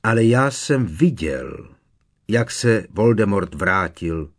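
A man's voice: medium pitch, wildly swooping pitch, dry recording, studio quality, voice pushed up. A man reading an audiobook, voicing a determined teenage boy who speaks in an urgent, insistent way.

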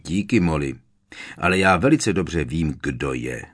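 Guy reading a defiant impatient dude, curt and cold, deep voice. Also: expressive. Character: defiant impatient grown man, godfather. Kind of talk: audiobook character voice.

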